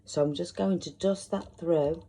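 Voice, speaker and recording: A woman hosting a step-by-step makeup tutorial, talking in a soft, chatty way as she demonstrates, with a croaky voice. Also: on the low side, steady tone, unhurried, slight background noise.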